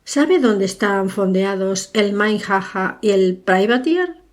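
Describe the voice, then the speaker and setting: A woman voicing a young, romantic Russian aristocrat in an audiobook, speaking softly and earnestly. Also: medium pitch, expressive, slow pace.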